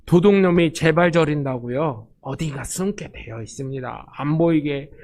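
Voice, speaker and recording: A male pastor delivers a sermon in a lively storytelling way, acting out the lines of the people in his stories. His voice sits fairly high for a man. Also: moderate pace. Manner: storytelling, animated, acts out quotes.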